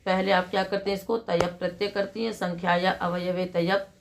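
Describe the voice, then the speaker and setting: A middle-aged woman giving a grammar lecture, asking her class questions and answering them herself, and reciting rules in a slow, measured chant. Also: fairly low pitch, flat delivery, creaky, background noise. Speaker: Sanskrit grammar teacher.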